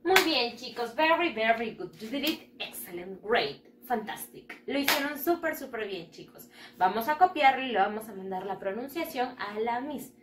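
A woman's voice: on the high side, lively intonation, moderate pace, reverberant, noisy background. A woman teaching English to first graders, drilling words and giving cheerful praise. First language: Spanish. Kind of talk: bilingual lesson to children.

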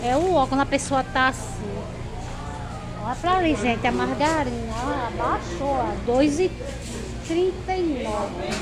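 A woman's voice: high voice, lively intonation, unhurried. A middle-aged woman, chatting to viewers while shopping and walking through a market, filmed on a handheld phone. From Brazil. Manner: chatty, addresses viewers directly. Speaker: vlogger. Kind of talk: casual vlog commentary. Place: supermarket, then busy outdoor street market. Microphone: phone held at arm's length. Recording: busy crowd noise behind.

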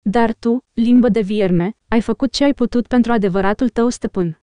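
A wise old wizard scolds and warns with force, read by a woman. The voice stays smooth and mellow, fairly high, with a dry close sound. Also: no echo, natural voice. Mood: stern.

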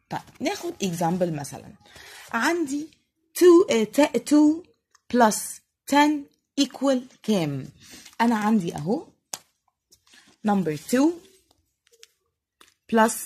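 A woman with an Egyptian Arabic accent teaching English to young primary pupils, stretching out each English word slowly and clearly. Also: medium pitch, darkish tone. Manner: slow, drawn-out spelling of English words for young pupils. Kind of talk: recorded classroom lesson.

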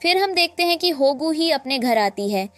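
A woman narrating a drama recap in a lively storytelling way, acting out the quoted lines. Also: high voice, moderate pace, no echo, soft background music.

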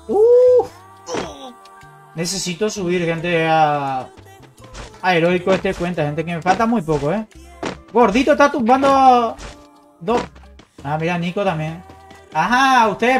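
A man giving excited live commentary on his gameplay, calling out to teammates and his chat as he plays. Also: sits high. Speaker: gaming streamer.

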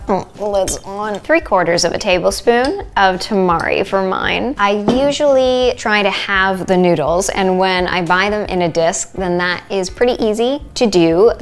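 An upbeat woman in her thirties walks through a recipe as a cooking show host, chatting easily while she works. Her voice sits at an ordinary middle pitch and is picked up close on a lapel mic in a kitchen. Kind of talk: recipe demonstration. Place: home kitchen set, indoors. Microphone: small lapel mic.

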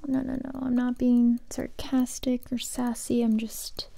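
An ASMR roleplay performer plays a young woman survivor who has become a kind but wary interrogator, whispering breathily and evenly right up close to the mic. Her fairly high voice moves slowly and hesitantly in an intimate delivery, carrying a quietly menacing mood.

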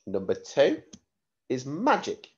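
A man reads a school spelling dictation slowly and carefully, like a primary teacher, repeating words and spelling them letter by letter. His voice is mid-pitched with very lively intonation. The recording is slightly dull and lo-fi, with slight background noise.

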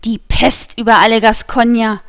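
A woman's voice: on the high side, a little mellow, no room sound, lightly acted. A woman reading the part of a haughty, mocking nobleman who speaks with cool contempt, in a dry audiobook recording. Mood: scornful. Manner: scornful, unhurried, mocking.

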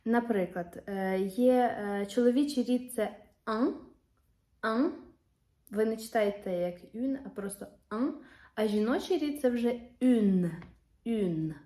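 A young woman teaches a beginners' language lesson at an unhurried pace, with a mellow, warm tone. She repeats each new word twice, clearly and carefully. The room around her gives the voice a noticeable echo. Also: on the high side. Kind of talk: patient classroom explanation. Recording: roomy echo.

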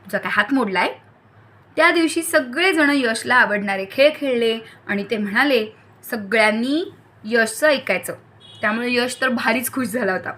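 A woman reading a children's story aloud, talking directly to young listeners in a lively way. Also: fairly high pitch, moderate pace.

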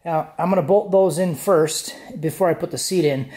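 Speaking at a normal speed, this car-build vlogger in his thirties has a slightly high but dark-toned voice. He chats informally to the camera from a home garage, where the audio is roomy and echoing.

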